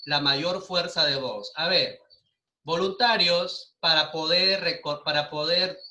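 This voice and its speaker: A man's voice: on the high side, pushed and bright. A man with a Peruvian Spanish accent teaching a primary school class online, patiently asking questions and repeating the answers. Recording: echoey room.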